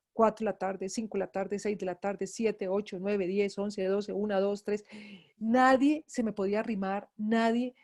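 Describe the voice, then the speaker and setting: A woman's voice: mid-range voice, a little mellow. A middle-aged woman from Antioquia, Colombia, with an Antioquian accent, a grief psychologist telling her own story to a class, emotional and repeating words for emphasis. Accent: Antioquian Colombian Spanish. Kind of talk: personal testimony in a lecture.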